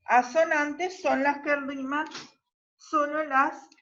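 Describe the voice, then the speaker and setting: Slow, patient woman teaching in an echoey classroom. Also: high voice, fairly even intonation, fairly bright tone. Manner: patient, explaining step by step with frequent checks. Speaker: literature teacher. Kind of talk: classroom lesson. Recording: roomy, distant, dull classroom recording.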